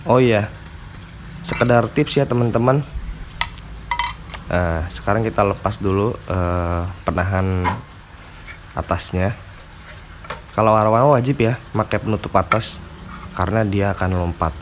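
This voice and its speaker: A man whose stuffy nose comes from a cold explains aquarium care as a hobby vlogger, using slangy, filler-heavy casual tutorial chat. His voice is on the low side and unhurried, with frequent pauses and a slight hiss or hum in the recording.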